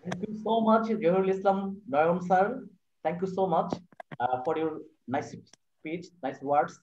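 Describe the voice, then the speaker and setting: A man's voice: sits high, darkish tone, echoey room, lo-fi sound, slight background noise. A man from Bangladesh, a section head, moderating a school parents' meeting, courteous and thanking people often. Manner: slow, courteous, repeated thanks.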